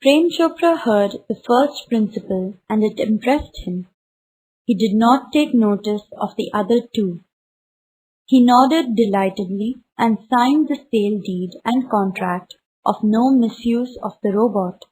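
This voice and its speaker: A woman, reading a textbook story aloud slowly and carefully for a class. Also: a little high, a little mellow, slightly rough, low-quality recording. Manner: slow, careful read-aloud.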